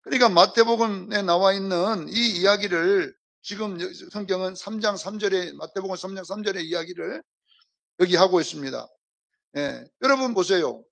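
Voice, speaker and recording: Man as pastor, preaching in an emphatic style that keeps prodding the congregation, high and gravelly delivery. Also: normal speed, a bit bright. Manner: emphatic preaching, rhetorical questions, repeated prompting of the congregation. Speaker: senior pastor. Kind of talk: sermon. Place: church service.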